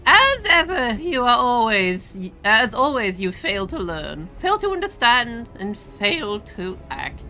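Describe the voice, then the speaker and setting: A woman voicing a haughty, scornful father who speaks through a familiar, in a theatrical, drawn-out way. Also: on the high side, very animated, pushed and bright, soft background music, pitched above the performer's own voice, heavily acted. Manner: mocking, theatrical, drawn-out lines.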